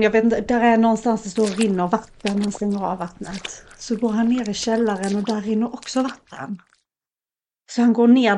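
A young woman co-hosting a podcast, retelling a scary film in a lively, casual way and acting out the lines of the people in it. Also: medium pitch. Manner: animated retelling, acts out quotes. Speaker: podcast co-host. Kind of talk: casual storytelling chat.

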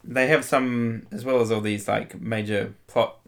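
A man co-hosting a podcast, talking in a relaxed, dry way with plenty of fillers. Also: on the low side, measured pace, creaky. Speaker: podcast co-host. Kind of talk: casual chat.

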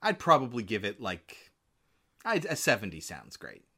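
Male film-podcast co-host: forward, bright tone, informal and keen, conversational. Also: lowish voice, huge pitch swings, normal speed, husky. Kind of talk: casual film review chat.

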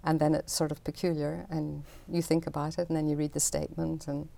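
An older woman from talks through her art in an interview. Her voice sits low and mellow, with a gravelly edge. She explains things in a chatty, unhurried way. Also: little pitch movement. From Northern Ireland. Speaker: artist.

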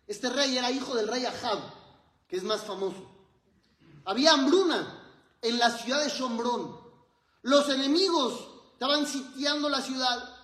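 A man's voice: extremely high pitch, a bit bright, echoey room, poor audio. A man, a rabbi, giving a sermon and telling stories with acted-out dialogue. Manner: storytelling, acts out dialogue in quotes.

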